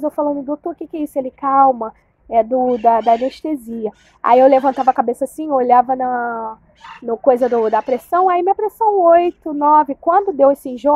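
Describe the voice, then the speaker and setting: A woman's voice: sits high, no room sound. A woman casually telling viewers a personal story, retelling it with emotion and acting out the lines of the people in it. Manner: emotional, animated retelling with quoted dialogue. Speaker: vlogger telling her birth story.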